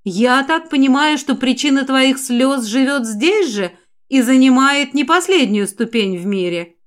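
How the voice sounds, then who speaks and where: A woman voicing a gentle, caring middle-aged mother in an audiobook, speaking softly and turning firm when worried. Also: high-pitched, lively intonation, a little slow. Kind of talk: audiobook character voice.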